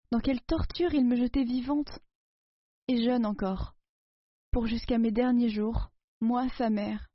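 Woman doing a dying old mum, anguished, pleading, kinda highish, dull dry audio. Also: no echo, close to an everyday voice. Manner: pleading, emotional, lamenting. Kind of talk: audiobook dialogue reading.

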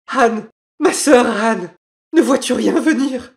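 A man voicing a terrified young wife pleading for her life in a storybook reading, in a high falsetto. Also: slow pace, creaky, heavily acted. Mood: desperate calling.

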